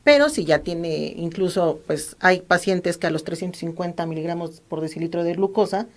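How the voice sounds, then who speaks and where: A woman doctor with a Mexican accent, calmly explaining practical medical advice as an interview guest. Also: on the low side, normal speed. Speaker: ophthalmologist guest.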